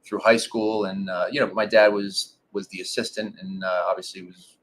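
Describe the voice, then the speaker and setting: A man in his forties, a former pro ballplayer, telling stories in a relaxed interview with lots of fillers. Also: low voice, normal speed. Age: 40s. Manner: relaxed storytelling with many fillers. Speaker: guest, former pro baseball pitcher. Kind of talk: casual interview.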